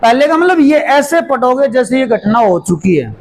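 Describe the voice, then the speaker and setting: A man teaching a maths lesson, going through each step slowly and repeating it while he writes it out. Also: very high-pitched, very animated, vocal fry, poor audio. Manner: slow, repeats steps as he writes. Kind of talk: classroom lesson explanation.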